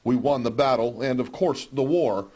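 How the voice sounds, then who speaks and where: A man's voice: mid-range voice, moderate pace, darkish tone. A man narrating a scripted television news story as a field reporter.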